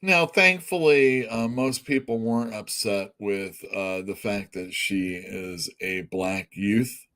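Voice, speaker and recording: The host of a comic shop podcast, a middle-aged man, speaks slowly in a lowish, slightly bright voice with hardly any pauses. He chats casually and bluntly, full of opinions, rambling along, cursing, and laughing at his own jokes.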